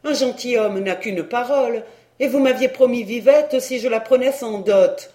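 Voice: medium pitch, moderate pace, dark tone, close to an everyday voice. A reader as an earnest young nobleman. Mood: pleading.

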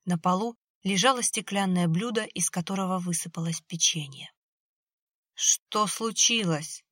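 A woman reading an audiobook in an even, measured scripted narration. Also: fairly low pitch, husky, no echo, studio quality.

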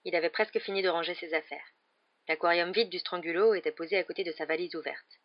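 Audiobook reader narrating a chapter, steady and even, mid voice, kinda muffled audio. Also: medium pitch, fast talker. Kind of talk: scripted storybook narration. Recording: slightly dull lo-fi recording.

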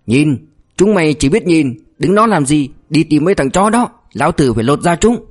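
A man's voice: a little high, lively intonation, moderate pace, soft background music, pitched above the performer's own voice. A man voicing a furious adult male gang leader who barks bossy orders. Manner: shouting, bossy.

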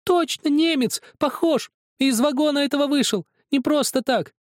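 A man voicing a distraught young village boy in an audiobook, with shrill, sobbing shouts. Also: quick pace, no echo, clean studio sound. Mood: furious, sobbing. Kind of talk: audiobook character voice.

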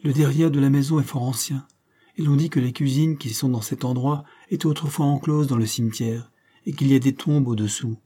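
A man voicing a shy, sad young woman in an audiobook, speaking slowly and wistfully. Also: medium pitch, steady tone, warm tone, natural voice. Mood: melancholy. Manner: slow, wistful, plaintive. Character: timid melancholy young woman.

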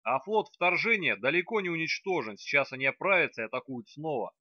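Dude doing a blunt angry young necromancer, pushy and loud-ish, storybook vibe. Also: male voice, medium pitch, animated, moderate pace, dry recording, dull audio. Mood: heated. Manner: curt, insistent.

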